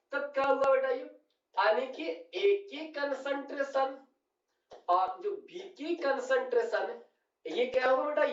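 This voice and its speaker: Lively man lecturing in an echoey room. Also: very high voice. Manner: calls students "beta", keeps checking they follow. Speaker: chemistry teacher. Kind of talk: classroom lecture at a board. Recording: roomy, distant, dull lo-fi sound.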